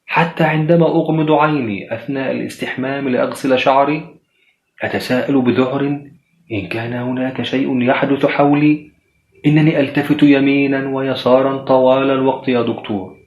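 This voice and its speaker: A man's voice: mid-range voice, expressive, fairly quick, close to an everyday voice. A terrified young widow pleads in a raised, strained voice, as a male storyteller puts her on. The horror story reading sits in a roomy, echoing space. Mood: desperate pleading. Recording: roomy echo.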